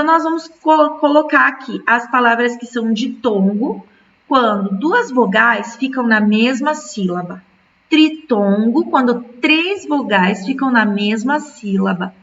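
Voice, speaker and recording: Woman teacher, slow and patient, raspy edge, dull distant recording. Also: on the high side, a bit bright, slight background noise. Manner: slow, patient, drawing words out syllable by syllable. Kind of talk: recorded remote school lesson.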